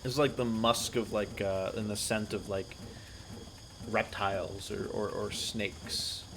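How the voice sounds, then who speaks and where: Slow-talking man running a tabletop game. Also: on the low side, fairly even intonation, a little hiss or hum. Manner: slow, searching descriptions. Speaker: game master.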